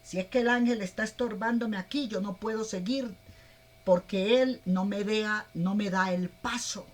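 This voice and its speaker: A woman preacher voicing Balaam's talking donkey, loud and protesting. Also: mid-range voice, measured pace, natural voice. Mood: indignant.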